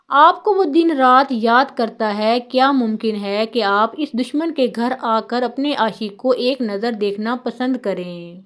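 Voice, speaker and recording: A woman's voice: a little high, natural voice. A woman doing an angry scolding father. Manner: scolding, shouting. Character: angry stern middle-aged father.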